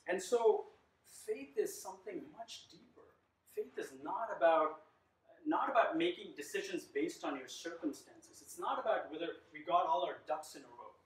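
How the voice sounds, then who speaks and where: A man in his thirties telling a personal story as he teaches a class, animated and full of rhetorical questions to his listeners. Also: a little high, moderate pace. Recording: echoey room, mic at a distance.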